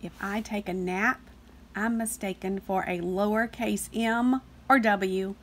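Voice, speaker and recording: Voicing a chatty, sentimental cartoon character, a woman counts numbers from a picture book with earnest, easily excited energy. She speaks in a mid-range voice at an unhurried pace, with a confiding mood.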